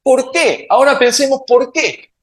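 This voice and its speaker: A man's voice: very high voice, unhurried, a bit bright. A man with an Argentine accent giving a playful public science talk, quizzing the audience with questions. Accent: Argentine Spanish. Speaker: science speaker.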